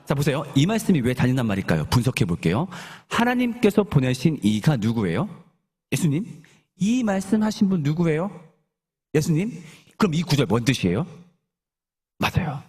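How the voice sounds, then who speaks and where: A male pastor preaches a sermon in a conversational, storytelling style, with a brisk, sing-song voice that's a little high, darkish and breathy at the edges. He often asks the congregation questions and leads them in reading scripture aloud together.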